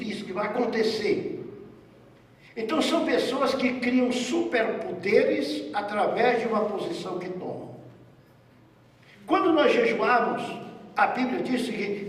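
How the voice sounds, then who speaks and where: A male pastor with a Brazilian Portuguese accent, preaching a conversational sermon and joking with his congregation. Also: high-pitched. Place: church hall. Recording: echoey church hall from far off.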